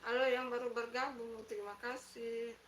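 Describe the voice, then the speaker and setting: A woman's voice: fairly high pitch, flat delivery, moderate pace, a little hiss or hum. Motherly woman host chatting on a live stream. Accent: Indonesian. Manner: motherly, chatty, repeats herself while reading comments. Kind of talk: casual live stream chat reading comments. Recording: echoey room.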